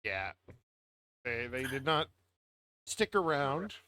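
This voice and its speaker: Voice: medium pitch, big pitch swings, takes it slowly, bright, forceful tone. A speaker casually narrating and chatting in a tabletop role-playing game.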